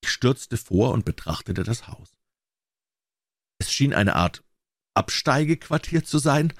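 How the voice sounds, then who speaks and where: A man narrating a classic story as an audiobook reader, with expressive, varied intonation. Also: medium pitch, slow, no echo, clean studio sound.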